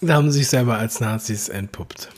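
A man's voice: mid-range voice, fairly quick. Blunt, slangy man reacting to a clip. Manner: blunt and slangy, crude asides. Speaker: online commentator reacting to a TV clip. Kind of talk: casual reaction commentary.

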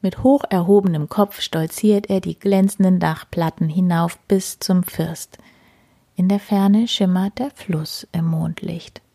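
Slow husky woman reading a bedtime story. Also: fairly low pitch, fairly even intonation, mellow. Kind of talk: children's story read aloud.

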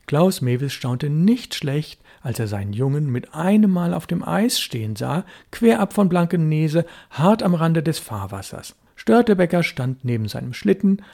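A man reading a children's story aloud in a steady, calm narration. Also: mid-range voice, vocal fry.

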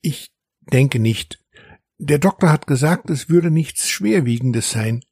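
A man voicing a calm, serious middle-aged father in a children's story, speaking in a measured way. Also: fairly high pitch, slightly rough, no room sound, studio quality, heavily acted.

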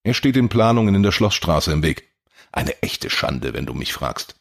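Man as chatty antiquarian, deep husky voice, audiobook. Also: sing-song, normal speed, exaggerated voice. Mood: calm, chatty. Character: older male antiquarian, calm and chatty.

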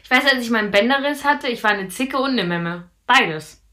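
A woman's voice: on the high side, expressive, normal speed, bright, forceful tone. A young woman co-hosting a podcast, chatting casually and bluntly, often laughing. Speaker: podcast co-host. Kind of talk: casual chat.

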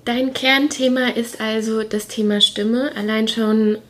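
Flat-toned woman interviewer. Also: fairly high pitch, measured pace. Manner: affirming, uses fillers like "ne?". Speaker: interviewer, coach. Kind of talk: conversational interview.

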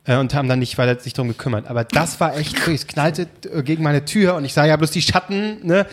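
A man's voice: fairly high pitch, fairly quick. Hesitant, laughing young man telling a story. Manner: rambling, hesitant, often laughing. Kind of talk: casual storytelling chat.

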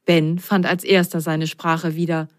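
Woman reading a kids story, slow and lively, dry close sound. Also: low voice, no room sound. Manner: slow, expressive. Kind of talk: reading a children's story aloud.

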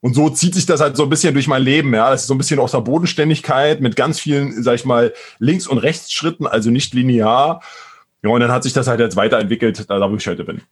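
A man with a Berlin accent and a slightly husky, breathy voice speaks as a guest on an interview podcast. He rambles loosely, circling back with fillers and restarts. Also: medium pitch, fast. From Brandenburg, Germany. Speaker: guest, entrepreneurship professor. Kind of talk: casual interview talk.

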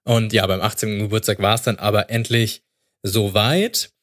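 A man's voice: on the low side, fairly even intonation, normal speed, a bit bright. A man of thirty, a podcast guest chatting casually about how he started training. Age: 30s. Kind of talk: casual interview talk.

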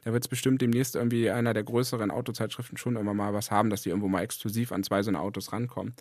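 A man's voice: lowish voice, steady tone, rapid-fire, a little mellow, dry recording, clean studio sound. A man co-hosting a casual podcast chat, conversational and playfully teasing. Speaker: podcast co-host.

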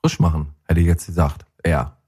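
A man's voice: sits low, steady tone, moderate pace, dark tone, husky. A man co-hosting a podcast in casual comedic chat, teasing his partner and laughing often. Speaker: podcast co-host.

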